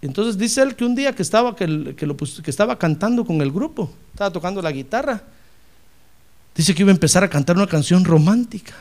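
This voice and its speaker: A male pastor preaching a sermon, telling stories and rising to shouted praise. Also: high-pitched, lively intonation, fast talker.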